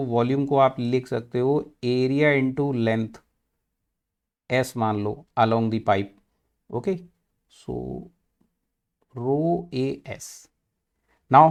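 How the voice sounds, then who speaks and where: A man with an Indian accent teaching engineering, mixing Hindi and English and asking questions he then answers himself. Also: a little high. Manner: mixes Hindi and English, asks and answers his own questions; slow and deliberate, stretching out key terms. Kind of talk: classroom lecture.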